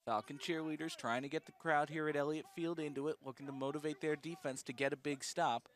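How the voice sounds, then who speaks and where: A man calling a college football game play by play. He is brisk and exact, calls each snap as it happens, and ticks off the down, the distance and the yard line in a steady broadcast cadence. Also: on the high side. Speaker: play-by-play announcer. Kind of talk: live football play-by-play commentary.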